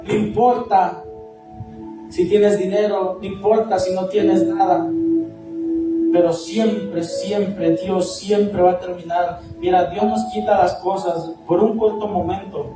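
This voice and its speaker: A man preaching a testimony sermon as an evangelist, impassioned and repetitive, building up to shouts. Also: sits high, flat delivery, slow pace. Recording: echoey far-off hall with music. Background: music.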